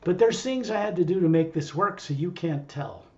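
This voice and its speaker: A man's voice: fairly high pitch, expressive, moderate pace, dull audio. A man who acts as a spiritual teacher, talking casually and digressively to a small group. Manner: rambling, digressive.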